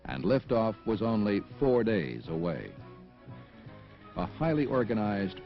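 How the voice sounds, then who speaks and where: Music plays under a slightly dull film soundtrack. A man narrates a scripted documentary formally, in a low voice with plenty of creak.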